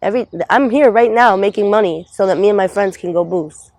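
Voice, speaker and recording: A woman's voice: mid-range voice, brisk, darkish tone, rough recording. Blunt streetwise woman in her twenties. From Trinidad. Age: 20s. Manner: blunt and streetwise, swears freely. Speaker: interviewee on the street. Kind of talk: candid street interview. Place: outdoors on a city street.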